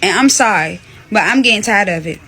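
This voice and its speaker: A woman's voice: mid-range voice, expressive, fairly quick. A woman ranting to camera in a casual, exasperated way, repeating her points. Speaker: social media commentator.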